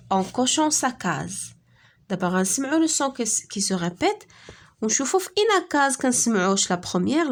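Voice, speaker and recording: A woman with a Moroccan accent gives a primary school French lesson. She has a fairly high voice. She draws each word out slowly and clearly for pupils, then explains in quick asides. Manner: slow, drawn-out word modelling mixed with quick explanations. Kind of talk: classroom lesson.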